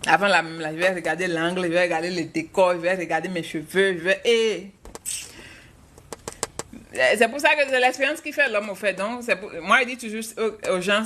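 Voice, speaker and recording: A woman's voice: fairly low pitch, normal speed, a bit bright, a little hiss or hum. A woman from Africa, a mother, hosting a live stream and chatting frankly with viewers while answering their questions. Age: adult, mother of a child.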